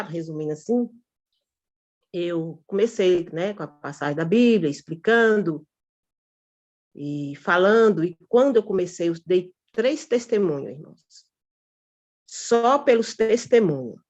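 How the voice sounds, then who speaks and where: Woman, lowish voice, animated testimony to a prayer group, dull lo-fi sound. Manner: animated, repetitive, addresses listeners as brothers and sisters. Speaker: church member giving testimony. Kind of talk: informal spoken testimony. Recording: dull lo-fi recording.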